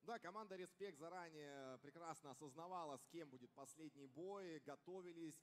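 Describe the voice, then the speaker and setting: A man's voice: on the high side, normal speed. A young man giving live esports match commentary into a headset at an arena desk. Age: young adult. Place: caster desk on stage in large indoor arena. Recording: reverberant large event hall.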